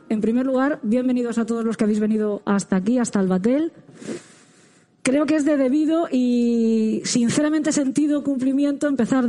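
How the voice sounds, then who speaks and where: A woman's voice: fairly high pitch, warm tone. A woman with a Spain Spanish accent, muffled by a face mask, moderates a round table as podcast host with a formal, courteous welcome. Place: stage at a public event with an audience.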